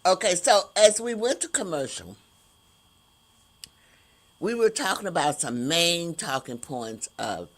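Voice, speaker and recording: A woman hosting an inspirational podcast, speaking in slow, drawn-out emphatic phrases. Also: low-pitched. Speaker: host.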